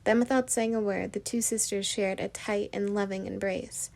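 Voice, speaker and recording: A woman narrating her own fan story in a steady, plain reading voice. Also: mid-range voice, moderate pace, vocal fry.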